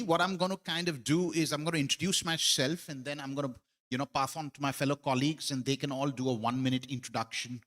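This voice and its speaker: A man's voice: mid-range voice, fairly bright tone. A man from New Zealand with a Kiwi accent, moderating a panel in a friendly, informal way.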